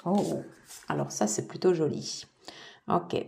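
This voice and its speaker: Slow, soft-spoken woman reading tarot. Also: deep voice, very animated, creaky. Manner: slow, soft-spoken, filler-heavy with many "voilà" and "alors". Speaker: tarot reader. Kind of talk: casual tarot reading to viewers.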